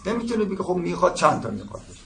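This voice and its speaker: A man's voice: sits high, sing-song, gravelly, a bit bright. A man teaching a seminary class, explaining step by step and often checking that his students follow. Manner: explaining with frequent checks "درست شد؟". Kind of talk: religious seminary lecture. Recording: echoey room with faint ambient noise.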